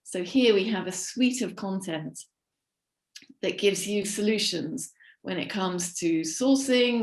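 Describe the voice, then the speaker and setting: With a mid-range voice and roomy-sounding audio, a woman from the platform team leads a screen-shared webinar walkthrough, calm and explanatory while dropping in filler ums.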